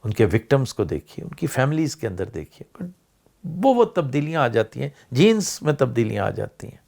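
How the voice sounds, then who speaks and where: A man's voice: medium pitch, big pitch swings, vocal fry, a little mellow. An older man, musing aloud as a vlog host in casual commentary and mixing in English words. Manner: discursive, rising and falling emphasis, mixes in English words.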